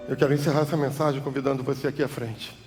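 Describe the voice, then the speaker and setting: Brazilian pastor preaching, goes from shouting to almost whispering, echoey church hall. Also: male voice, medium pitch, fairly even intonation, rapid-fire, slight background noise. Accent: Brazilian Portuguese. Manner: preaching with big swings from loud cries to soft hushed tones. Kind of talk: sermon. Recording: church hall reverb with music behind.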